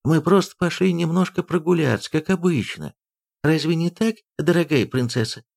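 A man's voice: fairly high pitch, moderate pace, darkish tone, pitched above the performer's own voice, lightly acted. A man doing a timid pleading peasant nurse. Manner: pleading, anxious.

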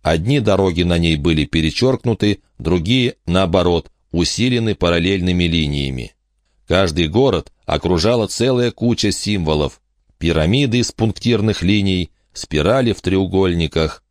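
Deep-voiced male audiobook narrator. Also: expressive, dry recording, studio quality. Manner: measured storytelling. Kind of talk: first-person scripted narration.

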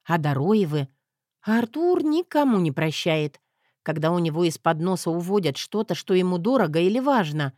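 A woman reading a first-person audiobook in a steady, wry storytelling manner. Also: on the low side, normal speed, dry recording, clean studio sound. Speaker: audiobook narrator.

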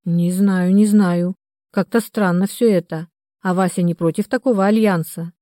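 A woman's voice: on the low side, fairly even intonation, moderate pace, mellow, no room sound, clean studio sound, close to an everyday voice. A woman reading the part of a retired mother in her sixties, anxious and reproachful, in an audiobook.

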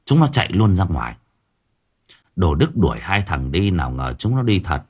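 A man narrating an audiobook story in an expressive storytelling manner. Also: low-pitched, moderate pace, breathy edge. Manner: expressive, swinging voice for drama.

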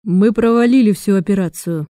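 A woman's voice: mid-range voice, normal speed, warm tone, no room sound, studio quality, close to an everyday voice. A woman voicing a tired, bitter male agent who speaks through his teeth.

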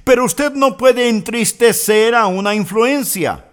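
A man's voice: very high-pitched, unhurried. A middle-aged man preaching a sermon as a pastor, speaking straight to the listener and asking questions as he goes. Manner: animated preaching, asks the listener questions directly.

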